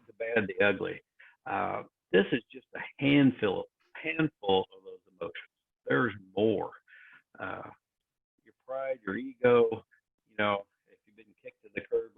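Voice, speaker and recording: A man moderating an online session, talking haltingly with many fillers over a crackly phone-like line that fades in and out. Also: lowish voice, gravelly, slightly rough. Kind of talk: presenting talk on a virtual call. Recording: tinny phone-like call audio.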